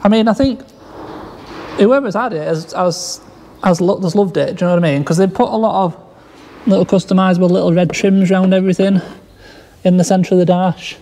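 A man's voice: high voice, fairly quick, pauses often, warm tone. Rambling man in an echoey workshop. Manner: rambling, hesitant, with many fillers and restarts. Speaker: car salvage vlogger. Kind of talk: casual walkaround commentary. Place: large workshop garage.

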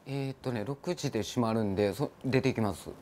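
A man's voice: mid-range voice, a little fast, warm tone, close to an everyday voice. Man playing a meek, apologetic café worker. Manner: polite, hesitant, keeps apologizing. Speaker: comedian. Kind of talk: comedy sketch.

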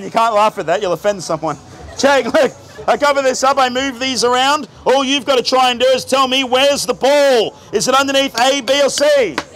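Over the crowd and music on an outdoor camera recording, an Australian man in his thirties performs theatrical street magic for onlookers at a night street market, projecting and joking as he goes. His voice is very high-pitched with a fairly bright tone.

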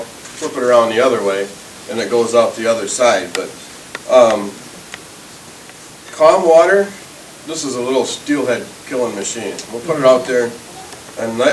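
A man's voice: medium pitch, reverberant, distant mic, a little hiss or hum, poor audio. A man in his thirties demonstrating fishing tackle in an indoor shop, explaining step by step with frequent restarts. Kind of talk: casual product demonstration.

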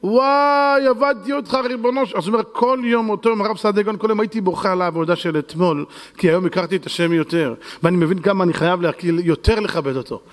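High-voiced rabbi in a reverberant hall. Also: male voice. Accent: Israeli. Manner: acts out dialogue in shifting voices, shouting and laughing. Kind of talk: animated Torah lecture with acted-out story.

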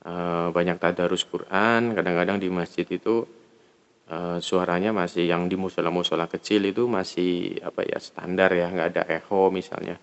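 Low-pitched Indonesian man demonstrating gear. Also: fairly even intonation, moderate pace, dull audio. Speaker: product reviewer. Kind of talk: casual hands-on gear demonstration.

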